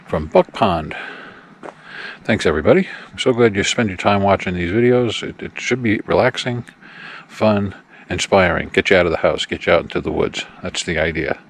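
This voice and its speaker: A man talking casually to his viewers outdoors at a campsite by the campfire, relaxed and friendly as he addresses them directly. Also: deep voice. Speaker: camping vlogger. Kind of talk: casual vlog talk to camera.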